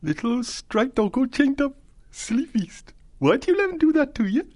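Crafty little newt creature, shrill and bouncy, always bargaining. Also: male voice, big pitch swings, normal speed, darkish tone, exaggerated voice. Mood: mocking. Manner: clipped broken speech, wheedling and bargaining. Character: sly, greedy male frilled newt.

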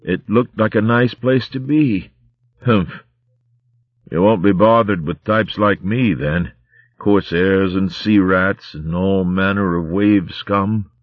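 A man voicing a dying female corsair ferret who talks in rough sailor slang, faint and weak. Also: low-pitched, takes it slowly, no room sound, lo-fi sound, voice pushed up. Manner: coarse seafaring slang, weak and fading.

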